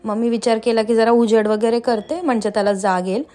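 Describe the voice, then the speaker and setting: A woman in her thirties, a homemaker vlogging casually at home, chatty with frequent pauses and fillers. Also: a little high, fairly even intonation, darkish tone. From Maharashtra, India. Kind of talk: casual vlog chat and voice-over.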